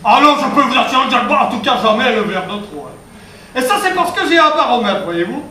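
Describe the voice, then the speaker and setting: A man's voice: very high voice, sing-song, quick pace, bright, forceful tone, a little hiss or hum, exaggerated voice. A man playing a drunk, pompous middle-aged politician, rambling and punning on stage. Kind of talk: stand-up one-man show character. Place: theatre stage. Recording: echoey stage recording from far off.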